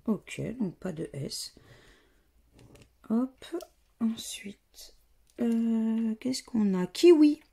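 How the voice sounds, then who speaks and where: A woman's voice: fairly high pitch, vocal fry, warm tone, breathy edge. A woman with a French accent casually commenting as she scratches lottery tickets, reading letters out one by one in a murmur. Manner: slow, murmured, reads letters aloud one by one. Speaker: scratch-card vlogger.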